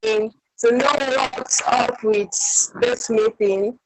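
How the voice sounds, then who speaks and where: Woman caller, slow and halting, high voice, call dropping out, crackly line. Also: sing-song, gravelly. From Nigeria. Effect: call dropping out, broken up and muffled. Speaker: viewer calling in. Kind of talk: casual call-in remark. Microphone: online video call. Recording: crackly online call with noise.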